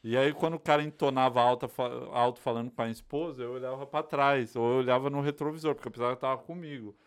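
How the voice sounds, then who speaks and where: A man's voice: mid-range voice, steady tone, quick pace, smooth. A man from Brazil hosting a podcast, telling stories in casual slang with an easygoing manner. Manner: easygoing, slangy, laughing storyteller. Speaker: podcast host. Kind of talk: casual chat.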